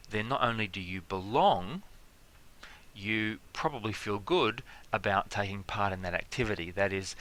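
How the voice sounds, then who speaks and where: A man giving a relaxed, conversational lecture, filling pauses with fillers and stacking everyday examples. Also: fairly low pitch. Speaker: teacher. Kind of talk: explanatory lecture.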